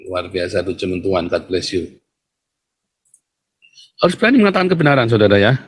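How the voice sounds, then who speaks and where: The livestream host's voice is lowish with a fairly bright tone as he keeps needling his audience. He speaks right to them in a taunting, provocative manner, punctuated by scornful laughs.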